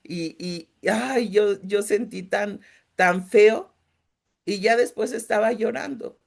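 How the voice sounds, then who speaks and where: A middle-aged woman speaks with a Mexican accent, and her mid-pitched voice carries a gravelly texture. She leads a faith-based grief workshop in a gentle, emotional way. She keeps checking in with her listeners as she talks. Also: slow pace. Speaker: grief support group leader.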